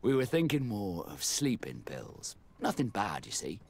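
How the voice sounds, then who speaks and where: A man playing an earnest, discreet naval captain with a measured delivery in a video game cutscene. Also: lowish voice, huge pitch swings, creaky, a little mellow, exaggerated voice. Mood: calm, persuasive. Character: naval captain, Vasco, earnest man seeking his origins.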